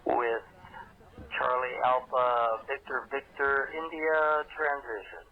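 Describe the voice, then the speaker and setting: A man making clipped, measured pilot calls over an air traffic radio transmission. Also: mid-range voice. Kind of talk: radio calls with call signs. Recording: muffled radio with faint hiss.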